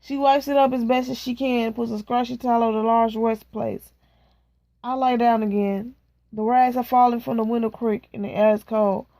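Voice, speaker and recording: A woman reading a novel aloud in a slow, measured way, stopping now and then to chat casually. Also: on the high side, fairly even intonation, dark tone, no echo. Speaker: reader.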